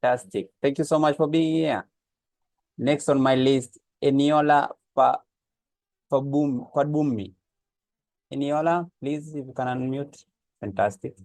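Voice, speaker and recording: A man from Kenya hosts online office hours, greeting participants in a friendly but hesitant way full of "uh" fillers. His medium-pitched voice is a little slow and darkish in tone, with frequent pauses. He's on a computer mic over a video call, with no echo.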